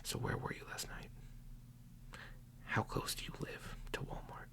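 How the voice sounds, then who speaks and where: This is an ASMR roleplay in which a man whispers a playful fake police interrogation, taking his time and accusing the listener in a teasing way.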